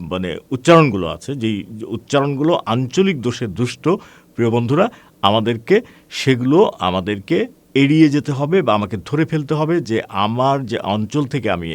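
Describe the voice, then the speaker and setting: Lively-voiced male teacher lecturing students. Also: mid-range voice, no echo. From Bangladesh. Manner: addresses students as friends, asks rhetorical questions; measured explaining with frequent hesitations. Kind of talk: online class lecture.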